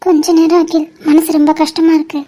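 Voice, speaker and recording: A woman voicing a lovesick young woman in an animated cartoon, speaking in a worried, hesitant way. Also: very high-pitched, fairly quick. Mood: upset. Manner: worried, hesitant, tearful pleading.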